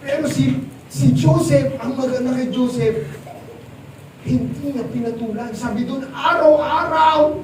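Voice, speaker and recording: A male preacher giving a lively sermon at a church event, quizzing the audience and mixing in English. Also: very high-pitched, measured pace. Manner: animated, quizzes the crowd, mixes English. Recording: echoey hall, distant mic, noisy.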